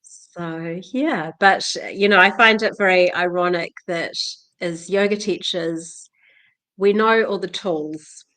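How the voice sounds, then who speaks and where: A woman's voice: fairly low pitch, takes it slowly, a bit bright. A woman from New Zealand, in her thirties or forties, talking reflectively as a guest about teaching yoga, with frequent fillers. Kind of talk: casual interview talk.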